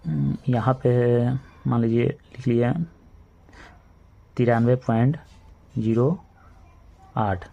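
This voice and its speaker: A man with a Bihari Hindi accent teaching a maths lesson to children, explaining each step slowly and repeating himself. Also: mid-range voice, fairly even intonation, vocal fry, mellow, dull audio. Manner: slow, repetitive step-by-step explaining, addresses children.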